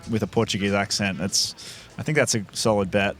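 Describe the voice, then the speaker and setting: A band member musing at length in a casual interview. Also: male voice, fairly low pitch, steady tone, brisk, fairly bright tone, faint music behind. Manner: thoughtful, rambling.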